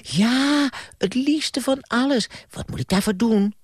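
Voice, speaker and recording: A man's voice: slow, slightly rough, no echo, studio quality, heavily acted. A man voicing an eager young man who craves fame, in a column he reads aloud as a bedtime story on the radio. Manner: high excited voice, whiny and pleading.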